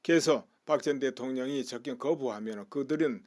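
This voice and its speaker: A man's voice: medium pitch, brisk, darkish tone, no echo, clean studio sound. A man giving a news commentary monologue, explaining step by step and posing rhetorical questions. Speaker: political commentator.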